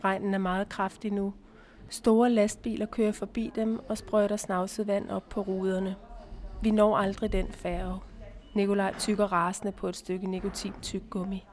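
Female audiobook narrator, calm steady delivery, medium pitch.

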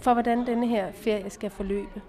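Audiobook: weary, patient mother read by a woman, soft and soothing, mid pitch. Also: steady tone, lightly acted.

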